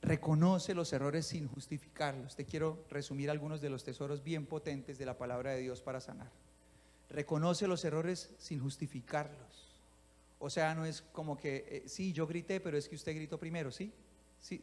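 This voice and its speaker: Animated preaching man in an echoing hall. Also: on the high side. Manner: animated, acts out little scenes and asks the congregation if they follow. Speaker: pastor. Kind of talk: sermon.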